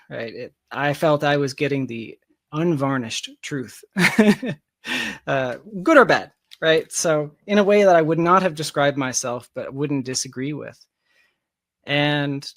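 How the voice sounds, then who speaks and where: A fairly bright, higher-pitched male voice belongs to a tech founder being interviewed, who talks casually and reflectively while searching for phrasing. It's studio-quality audio with no echo.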